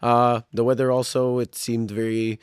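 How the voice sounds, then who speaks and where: A man's voice: mid-range voice, level tone, normal speed, clear, resonant tone, dry recording, clean studio sound. A man in his twenties from North Macedonia, a student guest on a podcast, speaking thoughtfully with some hesitations. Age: 20s. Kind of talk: casual podcast chat.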